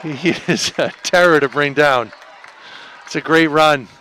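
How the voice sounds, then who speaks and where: A man giving color commentary at a local high school football game, talking through the blocking in a chatty way and correcting himself. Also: unhurried, sharp tone. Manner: chatty analysis with self-corrections and light laughs. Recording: outdoor stadium with crowd and noise. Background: crowd and field noise.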